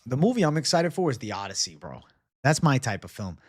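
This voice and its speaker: A man in his twenties chats off the cuff as a livestream host. His voice sits at an average pitch, and his talk is loose, slangy and peppered with swearing as he answers viewers. The sound is dry, with little room in it. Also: sing-song, a little fast, no room sound. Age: 20s. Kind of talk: casual livestream chat, reading and answering viewer comments.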